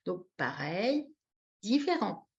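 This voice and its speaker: A woman leading a live teaching demonstration on a video call, animated and demonstrative, repeating key words and acting out short example phrases with expressive intonation. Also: mid-range voice, slow. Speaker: webinar trainer teaching baby signs. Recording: dull lo-fi webinar audio.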